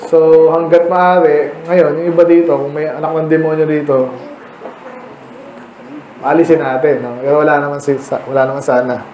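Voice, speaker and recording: A man's voice: fairly high pitch, little pitch movement, normal speed, a little mellow. A man with a Filipino accent preaching a midweek Bible study sermon, chatting with the congregation and often asking them questions. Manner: conversational, mixing English into Tagalog, asking the congregation questions. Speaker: pastor. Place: church hall. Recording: echoey room with faint ambient noise.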